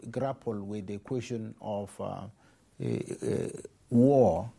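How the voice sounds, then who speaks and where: Gravelly-voiced bishop from South Sudan. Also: male voice, fairly low pitch, dark tone, no room sound. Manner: halting speech with many fillers and restarts. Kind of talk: interview answers.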